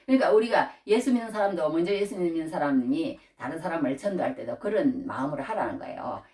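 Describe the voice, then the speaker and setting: A woman's voice: deep voice, darkish tone, recorded from a distance. A middle-aged woman preaching a sermon in a conversational way, raising her voice when she acts out scripture. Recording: roomy sound from away from the mic.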